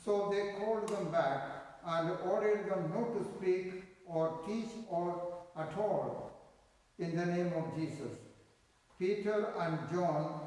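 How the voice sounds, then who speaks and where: Male priest, measured liturgical reading, a touch high-pitched, heavy cathedral echo, distant mic. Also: a little mellow. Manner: measured, phrase-by-phrase delivery. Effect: cathedral echo, long reverb. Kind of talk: liturgical reading and homily at Mass. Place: large church. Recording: echoey church from far off.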